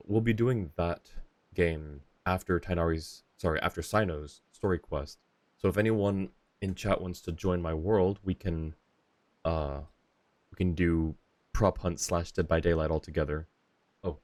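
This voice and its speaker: With a low-pitched, darkish voice at a moderate pace and no echo, a slightly tired man chats casually and politely with viewers as he streams a game live. Faint game music plays behind him.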